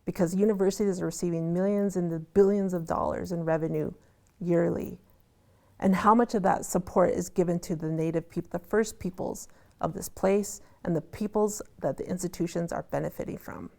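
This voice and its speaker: A woman's voice: on the low side, fairly even intonation, normal speed, vocal fry, dark tone. A woman academic giving commentary as an expert in a news interview.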